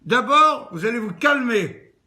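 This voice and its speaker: Man doing a calm official tower operator. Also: very high voice, measured pace, voice pushed up, heavily acted. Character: calm adult male control tower operator.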